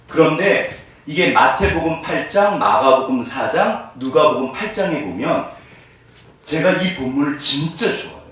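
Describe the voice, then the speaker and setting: A male pastor preaching a sermon, often putting questions to his congregation. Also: fairly high pitch. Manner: animated, asks the congregation questions. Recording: echoey room from far off.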